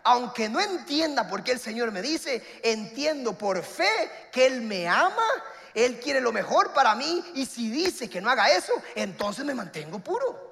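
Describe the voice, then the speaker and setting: A man, preaching a sermon and telling a funny personal story with animated, acted-out voices. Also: very high voice, unhurried, gravelly, long reverb tail.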